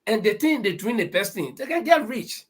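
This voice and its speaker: Man, middle-aged, high husky voice, emphatic, preachy. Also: sing-song, a little fast. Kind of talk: casual discussion.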